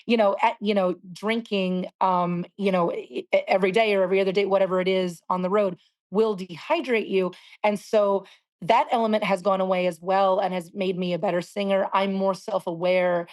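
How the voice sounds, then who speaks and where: Woman in her 40s, singer guest, candid and reflective, mid-pitched voice. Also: fairly even intonation, normal speed, a little mellow. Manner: reflective, searching for words. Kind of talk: candid interview talk.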